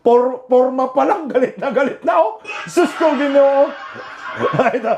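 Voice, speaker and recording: A Filipino man doing laughing, mocking reaction commentary over protest footage, jeering and shouting exclamations. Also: extremely high pitch, animated, a little slow, slight background noise. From Philippines.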